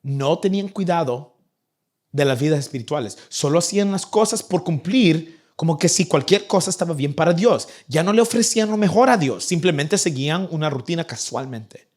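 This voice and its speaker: Animated young male preacher, higher voice. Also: moderate pace. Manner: animated, acts out nagging parents in a raised voice. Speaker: pastor. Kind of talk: sermon. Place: church in Vancouver.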